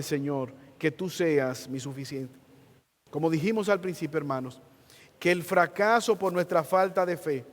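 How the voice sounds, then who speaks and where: A man who is a pastor, preaching a sermon slowly and earnestly and then leading a prayer, stretching out key words. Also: fairly high pitch, in a large hall. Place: church.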